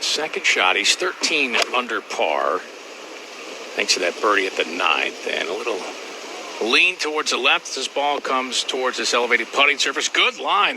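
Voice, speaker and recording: A man of medium pitch calls golf live as a commentator, in short phrases. Clear background noise is audible behind him. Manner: short present-tense calls.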